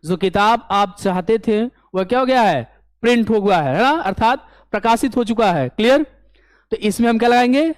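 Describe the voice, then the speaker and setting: A man teaching an English grammar lesson for an exam, explaining step by step and often asking if it is clear. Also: high voice, animated, moderate pace, dry recording. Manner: explains step by step, keeps asking "clear?" and answering his own questions.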